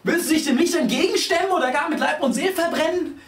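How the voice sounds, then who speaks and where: A man voicing a shrill, scolding old grandmother who wails and frets, in an echoey room away from the mic. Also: fast talker, fairly bright tone, recorded from a distance. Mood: pleading. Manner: wailing, shrieking, fretful.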